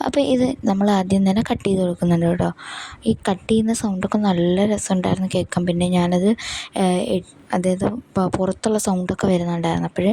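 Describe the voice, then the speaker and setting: Husky-voiced Malayali woman vlogging. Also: on the low side, mellow. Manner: chatty, explains each step, frequent fillers. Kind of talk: casual unboxing vlog narration. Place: home room with window open, street traffic outside.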